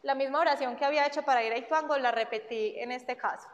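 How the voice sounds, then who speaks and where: A young woman tells her faith story in a high, bright-sounding voice. She leans on repetition and acts out conversations as she goes. The recording is muffled, and a long hall reverb trails every phrase. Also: fast. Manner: emphatic, repeats phrases, acts out dialogue. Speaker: faith testimony speaker. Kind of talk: personal religious testimony.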